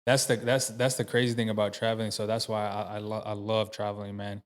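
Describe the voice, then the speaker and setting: Man, low voice, rambling casual podcast host in a studio. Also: level tone, fairly quick. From United States. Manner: loose, rambling, with many fillers and restarts. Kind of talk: casual interview chat.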